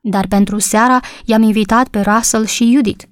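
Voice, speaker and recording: A woman voicing a cheerful, kind young married woman who talks brightly and eagerly in an audiobook story. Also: a little high, fairly even intonation, no room sound, clean studio sound, close to an everyday voice.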